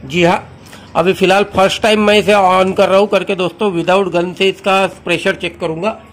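Showing viewers how a car washer works, the host of his own channel sounds friendly and instructive while often repeating one set phrase. His voice sits high, with fairly even intonation at a normal speed.

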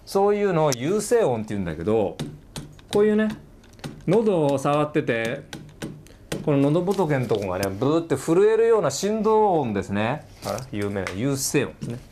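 Middle-aged man, casual video-lecture teacher, animated pitch, mid-range voice, checks understanding often. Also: slight background noise. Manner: sounds words out slowly, stretching and repeating them. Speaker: English teacher.

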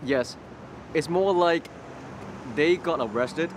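Speaking Cantonese in a halting way, this Hong Kong man has a voice on the high side and often restarts or repeats words. He is an interview guest giving personal testimony outside on a city street near a graffiti wall, with traffic and street noise behind him.

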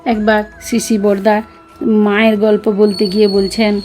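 A woman narrating devotional stories in a measured, reverent reading. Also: mid-range voice, little pitch movement, a little mellow, soft background music.

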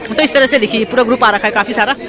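A woman chats to her viewers while walking through a busy outdoor market, repeating and correcting herself as she goes. She holds her phone in her hand. The crowd is loud behind her. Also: fairly high pitch, steady tone, very fast. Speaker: vlogger. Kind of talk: walking market tour vlog. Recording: crowd noise from a busy street. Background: crowd chatter.

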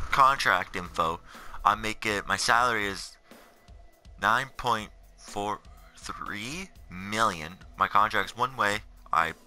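Up in the middle of the night and tired, a seventeen-year-old video gamer rambles casually as he narrates his career mode in a voice-over on game menu footage, with music behind. His voice is fairly low in pitch, pushed and bright.

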